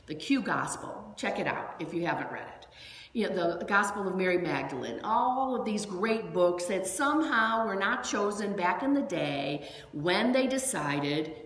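A woman minister giving a sermon in a church, chatty and animated, telling stories with lots of asides. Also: mid-range voice, normal speed, slight background noise. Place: church sanctuary. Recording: echoey hall with long reverb.

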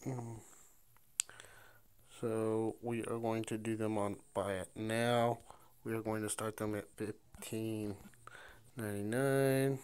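A man's voice: lowish voice, little pitch movement, slow pace, long pauses, a little mellow, smooth. A man reselling storage-unit finds, talking through an online listing step by step and thinking aloud as he types. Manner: talks to himself while typing, thinking aloud. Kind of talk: screen-recorded listing walkthrough.

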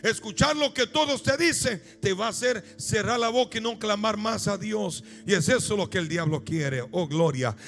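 A man with a very high, gravelly voice delivers an impassioned sermon, chanting his lines in a sing-song rhythm and rising at times to a shout. Soft music plays beneath him. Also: lively intonation, moderate pace, few pauses. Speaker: preacher.

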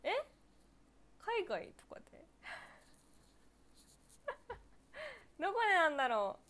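Young woman in her 20s from Niigata, live-stream host, playful and giggly, high lively voice. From Niigata, Japan. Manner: giggly, laughs often between phrases; chatty and playful, quick reactions. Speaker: former idol hosting her own live stream. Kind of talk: casual live-stream chat answering viewer comments.

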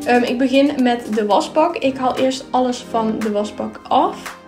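A young woman talks through her cleaning routine in a friendly, casual voice-over, with an easy "ehm" here and there. Her voice sits a little high. Light music plays quietly beneath her. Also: a little slow. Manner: chatty and upbeat, with filler words. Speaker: vlogger.

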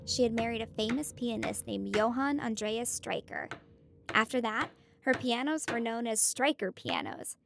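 A bright young girl explorer guiding a children's audio drama. Her voice is very high with a gravelly fry at the edges. She explains each fact in a clear, storytelling way.

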